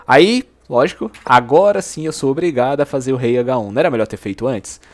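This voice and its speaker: A man walks through a chess game move by move. He talks in a casual, slangy way and gets animated over mistakes and tactics. His pitch sits at a middle level for a man. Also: a little fast, background noise. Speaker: chess YouTuber. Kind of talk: game analysis commentary.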